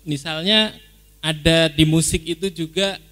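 A man's voice: a little high, steady tone, unhurried, a bit bright. A man, a musician on stage, explaining music patiently in a casual way with dry jokes. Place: stage at a live religious gathering.

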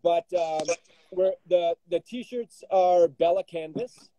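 A man's voice: high-pitched, takes it slowly, dark tone, no room sound. A man co-hosting a casual podcast chat, his voice muffled as if heard through a wall, rambling with many fillers and restarts. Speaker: podcast co-host. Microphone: remote call mic tucked in a pot.

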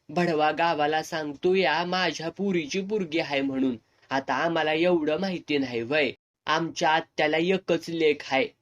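A man reading aloud, voicing a brash drunken young village man who jeers in rough rural dialect. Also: fairly high pitch, a bit bright, natural voice.

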